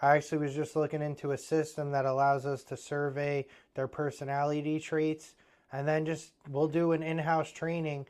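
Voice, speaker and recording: Discussing the ins and outs of his plumbing business, a thirties-aged man with an Eastern Pennsylvania accent comes across as blunt yet motivating, sprinkling in casual fillers. His clean, smooth voice is a touch high for a man and a little mellow.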